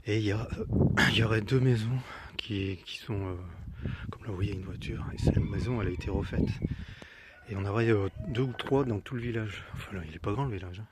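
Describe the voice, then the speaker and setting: A man vlogging casually outdoors in the mountains, exclaiming at the scenery and sometimes talking softly in the early morning. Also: lowish voice, brisk, very noisy. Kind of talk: casual vlog narration.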